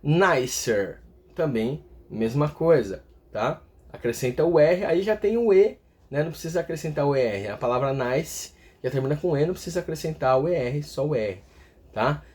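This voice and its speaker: With a fairly high, darkish voice, animated and at normal speed, a man teaches English grammar in a video. His explanations go step by step, and he often ends phrases with a checking "tá?" to make sure viewers are following.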